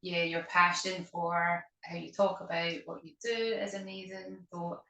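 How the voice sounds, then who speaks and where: A woman's voice: lowish voice, flat delivery, measured pace, vocal fry, bright, forceful tone. A Scottish woman hosting a podcast in casual chat, chatty, laughing easily and swearing now and then. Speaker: podcast host. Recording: roomy echo, mic at a distance.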